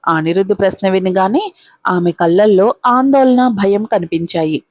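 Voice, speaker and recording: A woman's voice: mid-range voice, moderate pace, a little mellow, dry recording. Woman narrating a dramatic story. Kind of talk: scripted audio-story narration.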